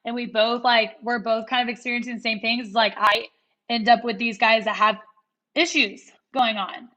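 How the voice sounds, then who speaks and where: A woman's voice: fairly high pitch, fairly even intonation, normal speed, bright, forceful tone. A woman around thirty hosting a podcast, chatting casually and reflectively with many fillers. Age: 30s. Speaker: podcast host. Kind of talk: casual chat. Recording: dull lo-fi sound.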